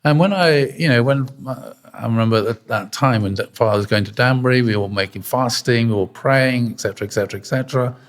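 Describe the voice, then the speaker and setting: An older man, giving a sermon in a conversational, halting way and often clearing his throat. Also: medium pitch. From Britain. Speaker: preacher.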